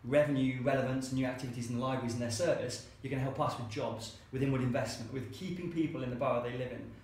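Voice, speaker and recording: A fast-talking man with a mid-range, darkish voice and fairly even intonation shares stories from founding a co-working space. The interview is chatty, and he acts out the dialogue of people he quotes. The space sounds very echoey, with faint hiss.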